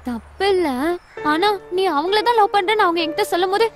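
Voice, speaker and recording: A feisty young slum girl, squeaky high voice, fast snappy comebacks, film music behind. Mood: indignant. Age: young adult. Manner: quick, indignant retorts. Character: spirited young slum woman, proud and shy. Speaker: young ragpicker woman in a film. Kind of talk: film dialogue. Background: film score music.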